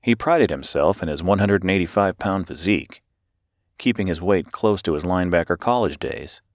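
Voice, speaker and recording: A man with a very low voice reads an audiobook in a steady, measured way. The recording is dry and close to the mic, with no room sound. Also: dry recording. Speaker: audiobook narrator. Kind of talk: scripted audiobook narration.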